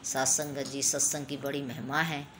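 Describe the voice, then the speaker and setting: A woman's voice: very deep voice, little pitch movement, moderate pace, fairly bright tone, slight background noise. A woman giving a devotional talk to a congregation, telling a religious story and addressing her listeners again and again. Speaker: satsang speaker.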